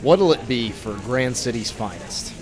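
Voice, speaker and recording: An actor playing a young, grave masked vigilante who poses as a bartender, in a theatrical 1920s radio drama style. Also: male voice, medium pitch, lively intonation, measured pace, lightly acted. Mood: affable, probing. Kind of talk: 1920s old-time radio drama acting. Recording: loud music under the voice.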